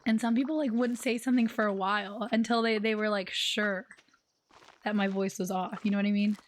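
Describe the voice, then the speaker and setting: A hoarse young woman livestreaming, telling a story in a chatty, laid-back way with lots of "like". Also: mid-range voice, fairly even intonation, a little fast, a little hiss or hum. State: hoarse, losing her voice. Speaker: streamer. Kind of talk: casual livestream chat. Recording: faint music in the background.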